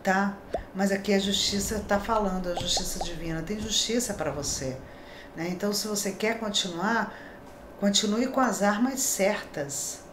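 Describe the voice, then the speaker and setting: A Brazilian woman in middle age gives a chatty, reassuring daily horoscope tarot reading, often checking in with tag questions, from a small decorated indoor room. She speaks at a normal speed in a mid-range voice, with reverb and background noise.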